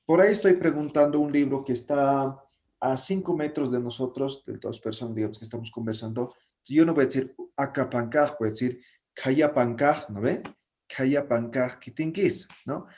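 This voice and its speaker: A man's voice: medium pitch, a little fast, warm tone. A man teaching a language class online, explaining patiently and often checking that his students follow.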